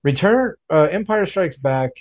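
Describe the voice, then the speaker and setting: A man's voice: a little high, animated, measured pace, dry recording, dull audio. A man in his forties from the Memphis area, reminiscing in casual podcast chat with many fillers. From Memphis area, USA. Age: 40s.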